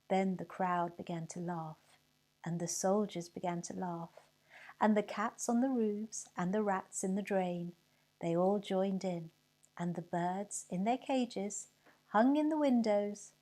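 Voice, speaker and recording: Woman reading a children's story, slow, mellow, expressive, hushed moments. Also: mid-range voice. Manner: expressive, whispers and cheerful shouts for effect.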